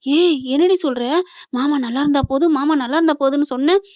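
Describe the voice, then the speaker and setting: A woman's voice: sits high, fast, darkish tone, lightly acted. A woman voicing a middle-aged mother who scolds and comforts her daughter. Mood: firm soothing. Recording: dull lo-fi recording.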